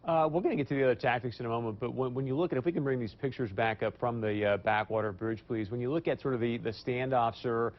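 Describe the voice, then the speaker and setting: A man's voice: mid-range voice, fast, few pauses, dull audio. A man hosting an evening news talk show, speaking emphatically and addressing viewers directly.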